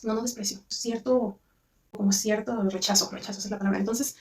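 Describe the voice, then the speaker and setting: A woman's voice: mid-range voice, fairly even intonation, a little fast, far from the mic. A young Mexican woman with a Mexican accent telling a personal story in a rambling, chatty vlog monologue full of restarts. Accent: Mexican Spanish. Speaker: vlogger.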